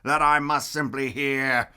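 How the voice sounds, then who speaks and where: A man voicing a sly, gloating Grinch-like creature for a storybook, with a slick, drawn-out way of talking. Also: mid-range voice, steady tone, sharp tone, clear, resonant tone. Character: sly male Grinch, gloating and slick-tongued Christmas thief. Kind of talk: storybook character voice.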